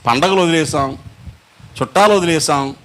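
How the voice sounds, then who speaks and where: A male pastor preaching a sermon, emphatic, with repeated rhetorical questions and drawn-out phrases. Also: fairly high pitch, a bit bright.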